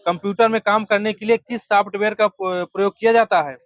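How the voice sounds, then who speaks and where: A man with a fairly high voice runs a rapid classroom quiz, asking question after question and snapping back the right answer. His delivery is brisk and corrective. The sound is dry and close, with no room echo. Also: steady tone, a bit bright. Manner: brisk, corrects answers, urges students to speak up. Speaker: teacher.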